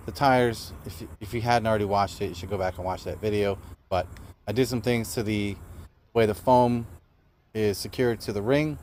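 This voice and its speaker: A man's voice: fairly low pitch, a little hiss or hum. A man casually explaining his setup to viewers in an outdoor hobby vlog. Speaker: RC crawler hobbyist host.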